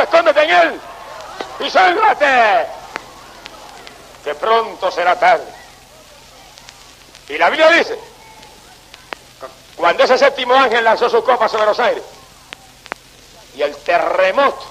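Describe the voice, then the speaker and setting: Older puerto rican preacher man, high bright voice, fiery pleading sermon, shouted praises, faint hiss. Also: poor audio. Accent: Puerto Rican Spanish.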